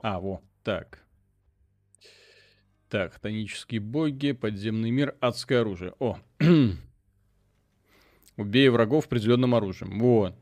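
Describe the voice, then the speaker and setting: A man's voice: lowish voice, slow pace, pauses often, darkish tone, dry recording. A man in his forties playing a game on stream, muttering to himself and making dry remarks. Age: 40s. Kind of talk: casual gaming stream chat.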